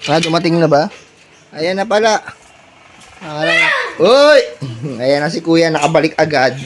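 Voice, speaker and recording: A man narrating a casual family vlog at home, chatting in Taglish and coaxing his baby in a high voice. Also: unhurried, noisy background. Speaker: family vlogger.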